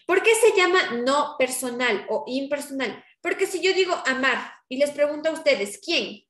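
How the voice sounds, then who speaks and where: A woman's voice: sits high, expressive, normal speed, fairly bright tone, roomy sound. A woman teacher giving a patient grammar lesson to her class, often checking in with her students.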